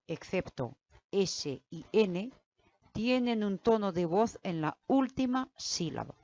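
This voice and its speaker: A woman teaching a grammar lesson, explaining slowly and deliberately and speaking straight to the learner. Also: mid-range voice, darkish tone, no room sound. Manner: slow, deliberate explaining, addressing the learner directly. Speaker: Spanish teacher. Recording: dull, lo-fi, dry sound.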